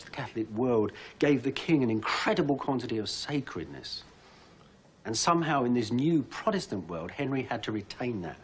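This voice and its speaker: A middle-aged man presenting a documentary in a lively storytelling way with wry asides. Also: medium pitch, husky.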